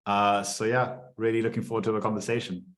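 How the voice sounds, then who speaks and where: A man speaking as a panel guest, relaxed and friendly with some fillers. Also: fairly low pitch, fast. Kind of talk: casual panel chat.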